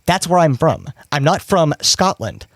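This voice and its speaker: A man's voice: fairly high pitch, big pitch swings, a little slow, no echo. A man from Kentucky arguing his side in a live debate, with emphatic, pushy delivery. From Kentucky, USA. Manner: emphatic, argumentative. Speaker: debate guest.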